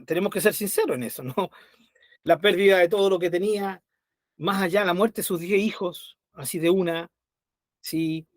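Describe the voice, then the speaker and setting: High-voiced man teaching Bible study. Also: dry recording, studio quality. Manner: conversational, checks in with frequent tag questions.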